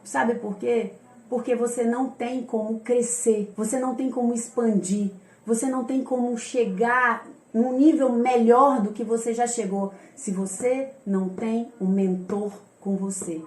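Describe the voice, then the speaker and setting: Brazilian woman, high voice, firm and emphatic, motivational talk, echoey room. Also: fairly even intonation, a little slow, a little mellow. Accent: Brazilian Portuguese. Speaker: mentor and online coach.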